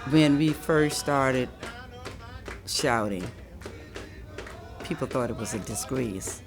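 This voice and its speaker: An older woman speaks with a coastal Georgia Lowcountry creole accent and a gravelly voice. She is emphatic and plain-spoken as she reminisces in an interview, with music playing behind her. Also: takes it slowly. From McIntosh County, coastal Georgia, US. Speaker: traditional shout singer.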